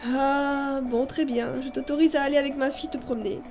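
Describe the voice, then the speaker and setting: A woman's voice: high-pitched, steady tone, fairly quick, a little mellow, highs cut off, soft background music. A woman reading the lines of a hot-tempered, protective father in a homemade fan story. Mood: grudging.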